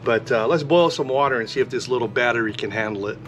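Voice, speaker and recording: A man vlogging a casual product demonstration, talking in a relaxed, rambling way with frequent fillers. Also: mid-range voice, fast, faint music behind. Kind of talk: casual product demo vlog.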